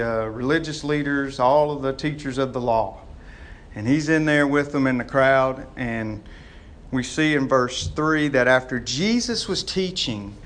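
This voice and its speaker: A man's voice: fairly high pitch, fairly bright tone. A man preaches. His sermon is informal and conversational, full of folksy turns of phrase. He often turns to the congregation with direct questions. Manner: folksy, addresses listeners as gang, boys and y'all; poses questions to the listeners.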